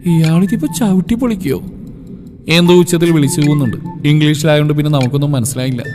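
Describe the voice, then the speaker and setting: High-voiced male storyteller, playful. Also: fast. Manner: lively, playful, comic. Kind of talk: first-person story reading with voices. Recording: long reverb, faint music behind.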